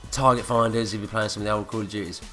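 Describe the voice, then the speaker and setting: A man's voice: fairly low pitch, fairly even intonation, racing, bright, forceful tone. A man with a blocked nose from a cold, ranting and swearing through gameplay commentary. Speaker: gaming commentator. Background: faint background music.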